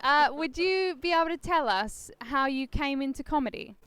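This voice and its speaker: A woman hosting an interview, asking polite questions with soft fillers. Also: high voice, expressive, normal speed, dry recording. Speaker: interviewer host.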